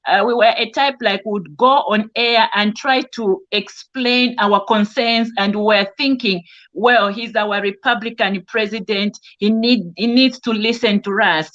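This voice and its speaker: A woman's voice: medium pitch, steady tone, measured pace, a bit bright. Earnest woman from Zambia on a call. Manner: earnest, with frequent restarts and fillers. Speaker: caller on an online discussion. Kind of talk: casual spoken testimony. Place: home, in the UK. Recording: dull lo-fi video call audio.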